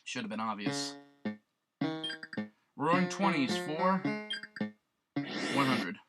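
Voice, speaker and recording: A man's voice: mid-range voice, lively intonation, takes it slowly. A man casually commenting on a retro quiz game, reading the clues aloud and joking about his guesses. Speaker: let's play gamer. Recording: loud chiptune game music behind voice. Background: beeping retro game music.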